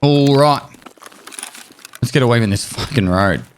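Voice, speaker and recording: A man's voice: mid-range voice, animated, measured pace. A man giving casual gameplay commentary as a streamer, explaining tips and swearing now and then. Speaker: gaming streamer. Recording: loud game noise under voice.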